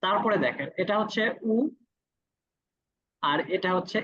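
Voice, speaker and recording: Guy teaching a class online, husky voice, dull muffled sound, says every vowel twice. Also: sits high, a bit bright. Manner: patient, repeats each vowel sound slowly. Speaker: Korean language teacher. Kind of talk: classroom lesson.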